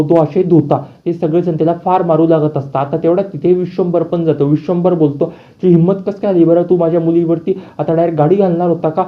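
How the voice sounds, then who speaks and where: Fast-talking man retelling a TV serial. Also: a little high, narrow, tinny audio. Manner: repetitive fillers, addresses the audience. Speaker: narrator. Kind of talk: retelling a TV serial episode to viewers.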